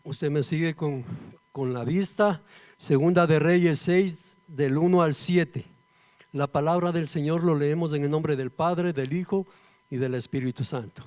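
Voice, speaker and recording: A man's voice: on the high side, unhurried, darkish tone. A man from Ecuador, a pastor, praying fervently and preaching a sermon with repeated invocations and rhetorical questions.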